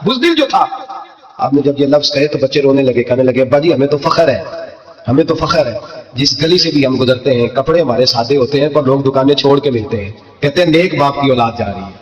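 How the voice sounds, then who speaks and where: A man preaching a sermon, impassioned and emphatic, climbing to high fervent peaks. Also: highs cut off. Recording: echoey hall with long reverb.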